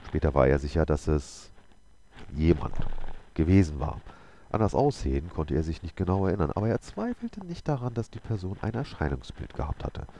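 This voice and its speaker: A man's voice: deep voice, very animated, brisk, dark tone, a little hiss or hum. A man reading a novel aloud as a game video host, telling the story steadily with occasional slips. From Germany.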